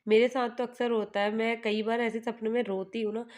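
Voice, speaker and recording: A woman in her thirties from Uttarakhand narrates her family's day for a vlog. She talks to her viewers in a relaxed, chatty way, like a mother telling a friend about her children and her chores. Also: a little high, a little fast. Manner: chatty, homely storytelling that speaks to viewers as "guys".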